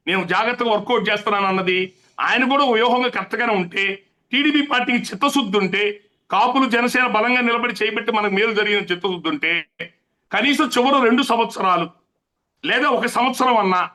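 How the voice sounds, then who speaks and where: A man's voice: very high voice, bright, forceful tone. A man speaking as an interview guest in heated interview talk, impassioned and emphatic, repeating his points for force. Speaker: interview guest, political activist.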